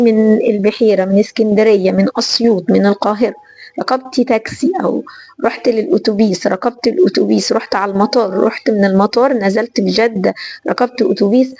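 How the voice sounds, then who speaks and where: A woman with an Egyptian Arabic accent giving a religious lesson in a lively, conversational way, repeating phrases for emphasis. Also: a little high, husky, dry recording. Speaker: religious teacher.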